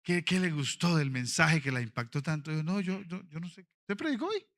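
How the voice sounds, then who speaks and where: A male pastor, preaching a sermon in an auditorium. He moves from quiet storytelling to fervent, shouted passages. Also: a little high, normal speed. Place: convention auditorium.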